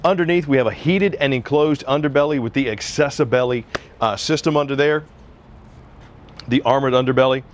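A man's voice: medium pitch, brisk, a little hiss or hum. A man in his forties presenting an RV on an outdoor sales lot, talking in a casual, upbeat salesman style into a lapel mic. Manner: upbeat, conversational salesman patter. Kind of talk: walkaround product review.

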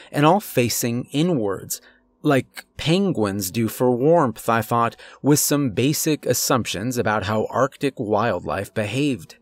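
A man's voice: medium pitch, no echo. Man narrating a horror story. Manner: steady, measured storytelling with tense pauses. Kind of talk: scripted first-person horror narration. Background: faint eerie music.

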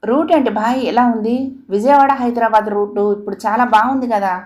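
A woman's voice: a little high, fairly even intonation, brisk, a little mellow, natural voice. A woman voicing a worried young man who pleads urgently with his captors in a story reading. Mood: suspicious.

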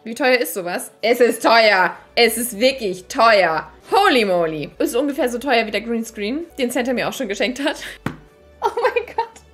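Giddy high-pitched woman streamer squealing. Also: very animated, moderate pace, a bit bright, faint music behind. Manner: overwhelmed and giddy, squealing and laughing often. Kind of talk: excited livestream unboxing chat. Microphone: desk microphone.

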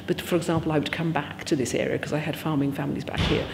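A woman's voice: sits low, level tone, quick pace, in a large hall, a little hiss or hum. A woman in her sixties speaking reflectively and articulately in an interview. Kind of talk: casual interview.

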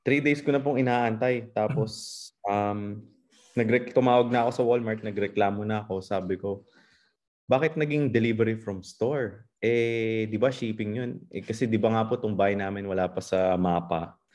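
Filipino man, low voice, polite and respectful, video call. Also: moderate pace, a little mellow. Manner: polite, uses respectful po often. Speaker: participant. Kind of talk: casual testimony sharing.

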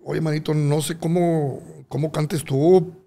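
A frantic male concert promoter, put on by a storyteller, pleads in a raised, strained voice. He is creaky and gravelly. The tone is urgent and rushed. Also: fairly high pitch, steady tone, warm tone. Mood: pleading.

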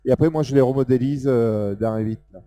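A man with a Southern French accent giving a casual live software demo, talking loosely with many fillers as he points things out on screen. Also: mid-range voice, fairly quick, no room sound. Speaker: software presenter. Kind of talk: live technical demo talk.

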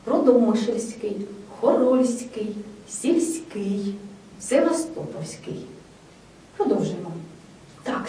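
Slow woman teacher in an echoey room. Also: medium pitch, warm tone. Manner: dictates word lists slowly, checks memory. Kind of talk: spelling lesson. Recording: very echoey room, distant mic, faint noise.

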